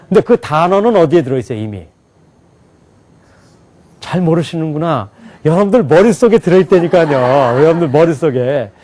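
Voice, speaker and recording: A man lectures a room of students. He talks with plenty of lift and fall in a slightly high voice, firing questions at the class and laughing as he goes. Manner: animated, asks the class questions and laughs often. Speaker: English teacher at an alternative school.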